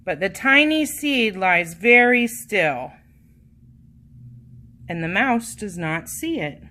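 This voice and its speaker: Expressive, bright-voiced woman reading a children's story. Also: mid-range voice. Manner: expressive, dramatic emphasis with drawn-out words. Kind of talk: read-aloud picture book narration.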